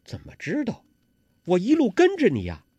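A male storyteller voicing an anxious, devoted young woman who talks quickly and with worry. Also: sits high, huge pitch swings, dark tone, slightly rough, no room sound, lo-fi sound, pitched above the performer's own voice, exaggerated voice.

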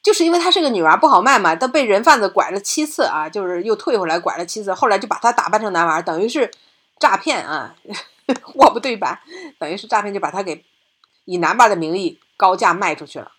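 A woman's voice: medium pitch, fast. Chatty woman retelling a film. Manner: animated, chatty, asks "对吧?" often. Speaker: podcast host. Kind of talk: casual storytelling, retelling a film plot.

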